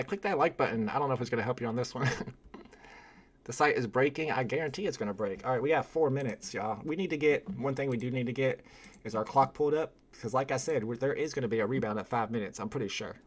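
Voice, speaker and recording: A man hosting a casual live stream, reading viewer comments aloud, rambling and exasperated and laughing often. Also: mid-range voice. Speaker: livestream host.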